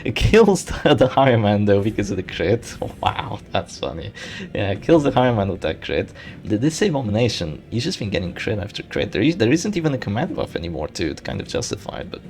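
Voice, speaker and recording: Low, animated gravelly man commentating gameplay. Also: brisk. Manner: thinks aloud, hopeful and self-correcting. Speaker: gaming channel host.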